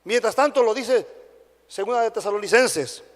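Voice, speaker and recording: A man's voice: high voice, normal speed. A man with a Dominican Spanish accent preaching a sermon to a congregation, often checking in with short questions like "right?". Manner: animated preaching, frequent tag questions to the congregation. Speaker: pastor. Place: church sanctuary. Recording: long hall reverb.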